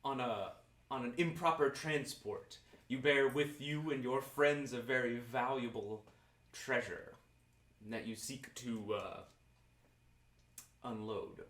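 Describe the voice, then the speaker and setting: A dramatic fortune teller woman played by a man at a game table beckons and prophesies with mystical gravity. The delivery is ominous and drawn out, with a bright tone, heard from a little way off in an echoey room. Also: medium pitch, steady tone, slow pace, pauses often, distant mic. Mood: urgent, beckoning. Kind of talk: tabletop role-play character voice.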